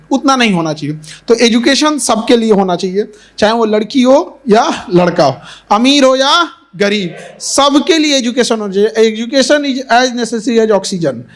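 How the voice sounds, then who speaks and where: Animated and speaking at normal speed, a male teacher with a very high-pitched voice urges his students on in an earnest motivational speech. He repeats the key points and weaves in English phrases.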